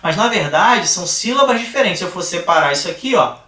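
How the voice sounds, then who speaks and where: Brazilian teacher, bright voice in an echoey room. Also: male voice, high-pitched, lively intonation, recorded from a distance. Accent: Brazilian Portuguese. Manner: explains slowly, asks the class rhetorical questions. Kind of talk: recorded grammar lesson. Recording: echoey room, voice a bit off-mic.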